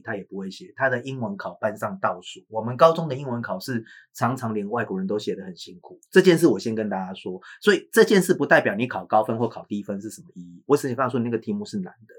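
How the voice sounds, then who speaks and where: A man's voice: lowish voice, slightly rough. A man hosting a casual chat as an English teacher, chatty and laughing often, speaking straight to parents. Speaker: podcast host and English teacher.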